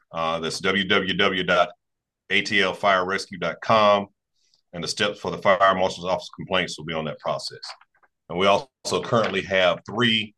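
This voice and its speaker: Deep-voiced fire captain, bright and forceful. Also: male voice. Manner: plain, with frequent fillers. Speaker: fire captain giving a report. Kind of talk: meeting report on a call.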